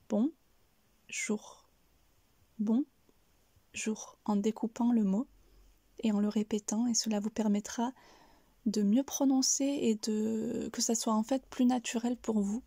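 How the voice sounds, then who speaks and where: A woman giving a careful pronunciation lesson, breaking each word into syllables in a soft, breathy delivery. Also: on the high side, no room sound. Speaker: French pronunciation teacher.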